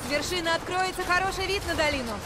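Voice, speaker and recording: Determined, very high-voiced young explorer. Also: female voice, quick pace, heavy background noise. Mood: focused, hopeful. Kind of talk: dubbed video game acting. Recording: loud music behind.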